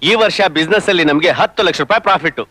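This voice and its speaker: A brisk, shrewd businessman. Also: fairly high pitch, sharp tone, slight background noise. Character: shrewd businessman father, pushing a marriage. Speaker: business partner and father. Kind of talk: film dialogue.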